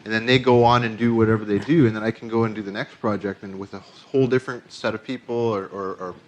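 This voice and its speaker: Relaxed low-voiced male drummer. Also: quick pace, poor audio. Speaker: guest, session drummer. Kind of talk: casual interview. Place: recording studio.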